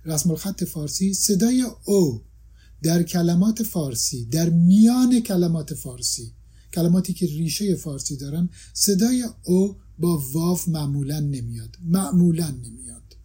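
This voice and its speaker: Mellow, husky man explaining carefully. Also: fairly high pitch, lively intonation. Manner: careful, lecturing, with pauses and restarts. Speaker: language scholar. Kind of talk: explanatory discussion.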